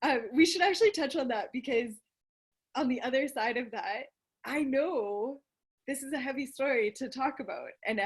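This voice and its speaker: A woman's voice: a little high, breathy edge. Woman host on a zoom chat, upbeat and supportive, laughs a lot. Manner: encouraging, laughs often. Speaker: podcast host and coach. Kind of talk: casual chat on a video call.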